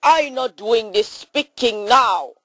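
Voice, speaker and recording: A high-pitched woman blurts exclamations in broken English through an improvised comedy skit. Her voice leaps wildly up and down as she switches voices. She talks slowly, and the sound is dry and close. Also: animated, dry recording, low-quality recording.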